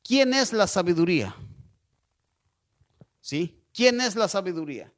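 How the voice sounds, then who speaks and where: A man preaching a sermon slowly and deliberately, often checking in with listeners with a questioning "¿sí?" and asking them to send in messages. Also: high-pitched, animated. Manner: slow, deliberate preaching with frequent rhetorical "¿sí?".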